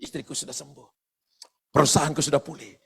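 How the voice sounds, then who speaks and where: A man, a pastor, preaching a sermon to a church congregation, telling stories vividly, calling out to the listeners and breaking into loud exclamations. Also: on the high side, quick pace, gravelly, breathy edge. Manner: animated storytelling with loud exclamations; addresses the congregation directly and often. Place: church service.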